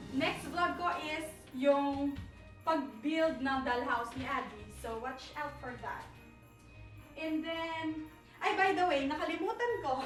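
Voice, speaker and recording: Young woman vlogger, slow easygoing home tour, roomy echo, kinda far from the mic. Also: sits high, a bit bright. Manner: rambling, mixes English into her talk, searches for words. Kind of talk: casual home tour vlog. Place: apartment at night, indoors. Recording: echoey room, voice from off-mic, faint music.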